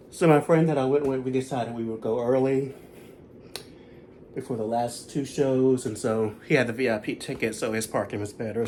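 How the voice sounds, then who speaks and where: A man's voice: mid-range voice, a little hiss or hum. A man in his thirties giving a chatty, rambling recap of a concert he went to. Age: 30s. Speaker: concert vlogger. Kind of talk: casual chat.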